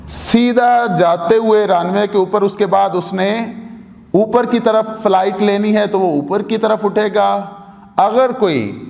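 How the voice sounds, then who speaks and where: Slow, high-voiced man teaching in an echoey room. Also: creaky, darkish tone. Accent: Pakistani Urdu. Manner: patient, repeats and demonstrates sounds. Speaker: language teacher. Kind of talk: slow explanatory lesson. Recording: echoey room with long reverb.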